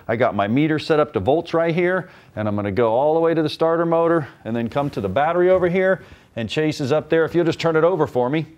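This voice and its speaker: A man's voice: a little high, a little mellow, lo-fi sound. A man in his forties, a technician and instructor, giving a folksy, plain-spoken repair demonstration in a large workshop on a lapel mic. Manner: folksy, plain-spoken, explains while working.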